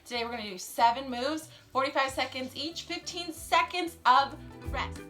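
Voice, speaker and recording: With a high, bright and forceful voice at normal speed, a young fitness channel host leads an at-home workout, cheering viewers on as she moves. She's in her living room, filmed by a camera on the floor a few feet off. The room echoes, and faint music plays behind her.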